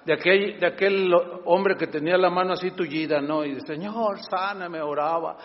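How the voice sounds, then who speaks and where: A Mexican pastor preaching an animated, sarcastic sermon to his congregation in a church hall. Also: high voice, fairly quick. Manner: animated and sarcastic, acts out scenes. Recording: dull recording with long church reverb.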